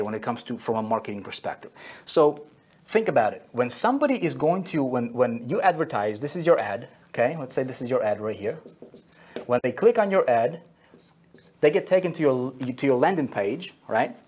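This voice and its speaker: Male marketing instructor, husky slightly rough voice, mid-range pitch, coaching tone peppered with "okay?" and "right?" check-ins. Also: a little mellow. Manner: repeats key phrases for emphasis. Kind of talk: whiteboard marketing lesson.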